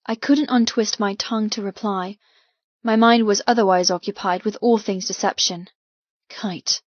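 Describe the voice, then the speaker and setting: An audiobook narrator, a woman with a medium-pitched voice, reads a first-person novel in a measured, dramatic way with a steady tone. The recording is very dry and close, without echo, and its highs are slightly muffled.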